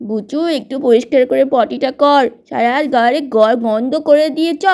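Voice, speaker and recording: Lady doing a chatty sister-in-law, lots of questions, high voice. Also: moderate pace, mellow. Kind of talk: doll-play storytelling.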